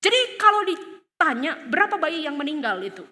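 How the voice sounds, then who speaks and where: A woman's voice: high voice, very animated, brisk. A woman preaching a sermon in a church hall, with an Indonesian accent, telling the story dramatically and crying out in the voices of the people in it. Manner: dramatic, acts out scenes with sudden loud cries. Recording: long hall reverb.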